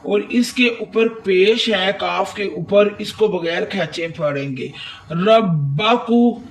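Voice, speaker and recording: A man's voice: high voice, far from the mic. A man with a Pakistani Urdu accent, teaching Quran recitation step by step, patiently spelling out and reciting words. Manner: slow, patient explanation with drawn-out recited words. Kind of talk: step-by-step tajwid lesson.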